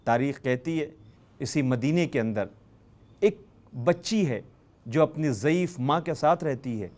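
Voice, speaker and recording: Impassioned male religious storyteller, fairly high. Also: lively intonation, a little mellow. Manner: impassioned, with dramatic rises on lists and key phrases. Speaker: religious speaker. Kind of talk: emotional religious storytelling sermon.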